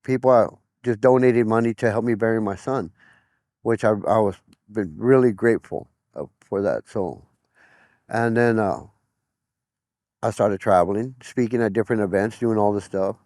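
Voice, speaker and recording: A man's voice: fairly low pitch, normal speed, darkish tone, no echo, studio quality. A middle-aged man giving personal testimony in an interview, plain-spoken, often retelling conversations as quoted dialogue.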